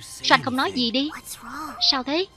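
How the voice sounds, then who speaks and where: Over a loud film soundtrack carrying the original cartoon audio and music, a woman reads a scripted voice-over translation, voicing every character herself. Her voice is high, with lively intonation and a moderate pace.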